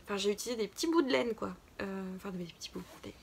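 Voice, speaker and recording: A woman's voice: medium pitch, fast, gravelly, a little hiss or hum. A woman co-hosting a casual knitting podcast, talking hesitantly with many fillers and restarts. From France. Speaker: podcast co-host. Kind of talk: casual chat about knitting.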